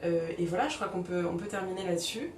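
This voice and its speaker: A woman's voice: fairly low pitch, lively intonation, fast talker, darkish tone, a little hiss or hum. A woman hosting a film review vlog, speaking in a conversational, explanatory style. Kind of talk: film review, part scripted narration, part casual chat. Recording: roomy, distant mic, faint music.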